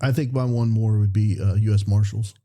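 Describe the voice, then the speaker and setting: A middle-aged man co-hosting a podcast, offering short, quiet remarks in casual chat. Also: lowish voice, fairly even intonation, a little fast. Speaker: podcast co-host.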